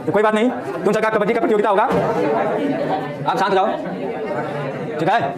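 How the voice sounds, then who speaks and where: A male teacher, quizzing pupils and hushing a noisy classroom. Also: high voice, normal speed, over a noisy crowd. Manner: quizzing pupils with call-and-response questions. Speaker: coaching teacher. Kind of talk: classroom lecture. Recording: echoey classroom with chattering kids.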